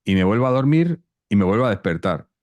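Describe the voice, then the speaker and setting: Interview guest, male, very deep voice, halting storytelling, dry close sound. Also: sing-song, darkish tone, no room sound. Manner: halting, many restarts and repeated words.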